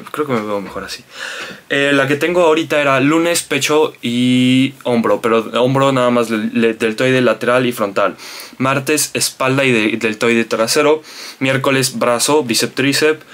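A man's voice: medium pitch, a bit bright. A young man talking casually to his camera in a vlog, rambling and chatty with many asides and fillers. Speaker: vlogger.

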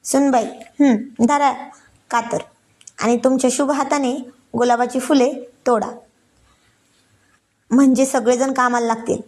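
A woman voicing an older father-in-law who speaks with calm, measured authority, in a read-aloud story. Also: sits high.

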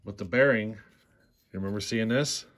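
A man's voice: lowish voice, measured pace, a bit bright. A man in a workshop demonstrating a chainsaw repair, talking plainly and unhurriedly, often asking "see how". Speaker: chainsaw repair channel host. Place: workshop bench.

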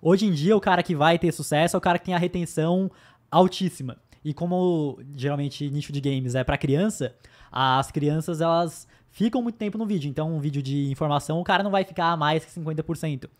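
A man's voice: a little high, a little fast. A young man with a Brazilian accent co-hosting a podcast, explaining things in a matter-of-fact casual chat. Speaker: podcast co-host.

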